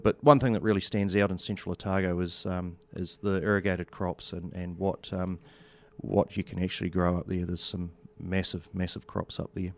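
A New Zealand man speaking as a studio guest in a casual radio interview, with halting, understated, colloquial delivery. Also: low-pitched. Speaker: studio guest, agricultural seed company representative.

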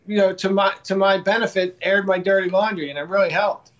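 A man guest talking casually in a halting, self-deprecating way, often repeating words. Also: high voice, steady tone, lo-fi sound. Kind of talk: casual interview talk.

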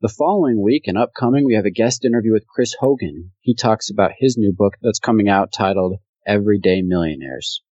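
A man hosting a podcast, reading an upbeat, even intro and asking interview questions. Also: on the low side, a little fast, hardly any pauses, dry recording. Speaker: podcast host. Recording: dry, muffled audio.

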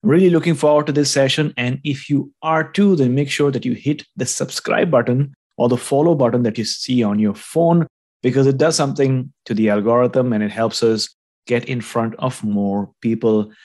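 Host: man, medium pitch, upbeat and promotional, then conversational. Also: normal speed, darkish tone. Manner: enthusiastic, promotional intro then conversational questions. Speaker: podcast host. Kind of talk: podcast interview.

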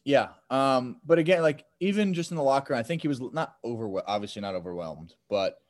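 A young man, a pro baseball player, telling animated stories in casual podcast chat over a laptop video call. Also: medium pitch, fairly quick. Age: young adult. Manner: animated storyteller.

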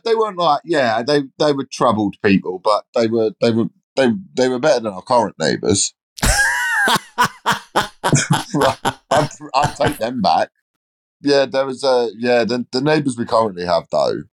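Young man, lively casual chatter. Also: mid-range voice, moderate pace. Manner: laughing, swears casually, interjects. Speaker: guest, host's son. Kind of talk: casual chat.

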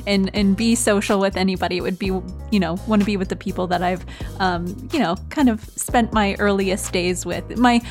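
Woman, newsletter editor, casual podcast chat, hesitant and warmly amused, middle pitch. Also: steady tone, moderate pace, faint music behind. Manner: hesitant, many ums, laughs often. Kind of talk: casual news roundup chat.

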